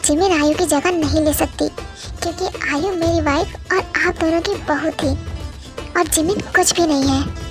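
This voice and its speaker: A woman's voice: high-pitched, steady tone, normal speed, close to an everyday voice. A woman voicing a cold, curt young widowed husband in a dramatic fan story reading, with a stern, clipped delivery. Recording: soft music behind.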